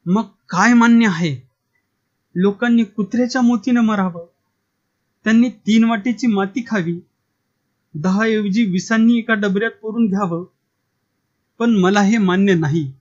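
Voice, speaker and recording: A bold, indignant village official, voiced by a man in a storybook reading, pressing his case with force. His voice sits high. The recording is dull and lo-fi. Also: steady tone, unhurried. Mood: defiant. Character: defiant middle-aged male village official.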